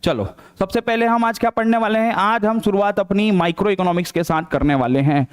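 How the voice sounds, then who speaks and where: A male teacher with a Chhattisgarh Hindi accent leads a live economics class at a brisk clip. His voice sits high, and he keeps firing rhetorical questions that he answers himself. He repeats each key term and checks whether it is clear. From India. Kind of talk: live online class lecture.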